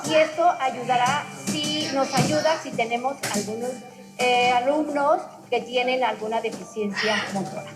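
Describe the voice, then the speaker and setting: A woman, teaching rhythm as an instructor and chanting beat words in a steady pulse. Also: a little high, measured pace, low-quality recording. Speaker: physical education instructor. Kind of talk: instructional demonstration. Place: studio heard through a home TV recording. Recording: TV sound recorded by a home device, with music behind.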